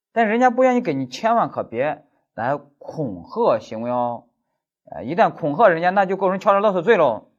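A man's voice: mid-range voice, darkish tone, husky, highs cut off. A man giving an exam-prep law lecture as a lecturer, telling stories animatedly with stammered repeats.

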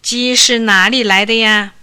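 Woman playing an old male doctor, storybook, gentle, patient, slow, bright. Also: on the high side, fairly even intonation, smooth. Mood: firm. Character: kindly old male doctor, calm and wise.

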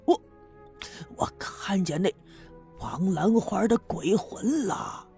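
A man voicing a frightened, exhausted middle-aged village man, out of breath and talking in a hushed, shaky way. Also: high-pitched, sing-song, slow pace, gravelly, slightly rough, faint music behind, heavily acted. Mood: terrified.

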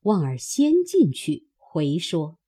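A woman narrating a classic novel as an audiobook, in measured storytelling. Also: fairly low pitch, wildly swooping pitch, warm tone, breathy edge.

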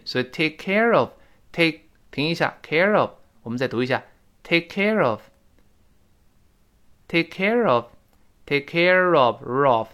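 A man teaching English pronunciation in an audio lesson, his pitch swinging up and down with animated emphasis. He stops often to repeat phrases slowly and clearly into a close mic.

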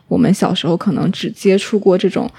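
A woman wearing clear braces, interviewing casually in wordy, filler-heavy, hesitant phrasing. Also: on the low side, fairly even intonation, brisk, dark tone.

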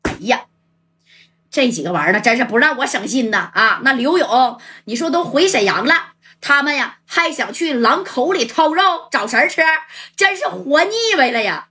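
A woman's voice: high-pitched, lively intonation, normal speed, bright, forceful tone. A woman voicing an exasperated male gang leader who scolds his reckless underlings.

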